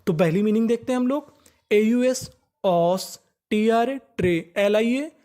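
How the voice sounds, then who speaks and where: A man gives an English phonics lesson in a warm voice. He slowly spells out each word, repeats it twice at a lower pitch, and asks the class short questions before answering them himself.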